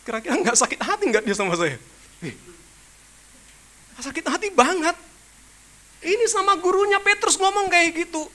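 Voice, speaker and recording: A male pastor preaching a sermon in a high, bright voice. He talks in a colloquial, animated way, with humorous asides, and keeps turning to the congregation with rhetorical questions. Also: normal speed, long pauses. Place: church service.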